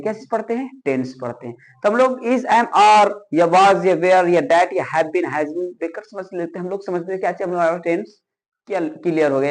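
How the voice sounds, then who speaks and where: A man teaching grammar in a lecture style, asking himself questions and answering them, often repeating key phrases. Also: high-pitched.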